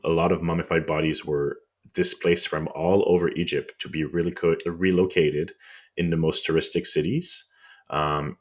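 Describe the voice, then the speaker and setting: A man with a French accent explains history on a podcast in a relaxed, conversational way. His voice sits extremely low, and he drops wry, indignant remarks as he goes. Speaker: podcast co-host.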